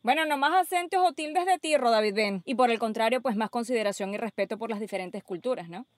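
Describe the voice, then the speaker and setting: A woman hosting a baseball radio show, presenting in a smooth way and tying the segments together. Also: on the high side, fast, no echo, clean studio sound. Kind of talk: radio sports talk.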